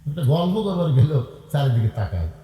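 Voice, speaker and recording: A man's voice: a little high, fast talker, echoey room, long reverb tail, slight background noise, poor audio. A middle-aged man preaching a waz sermon, calling on the crowd to answer and asking them for donations. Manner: lively, calls on the crowd to answer and raise hands; appeals for donations, blesses each gift.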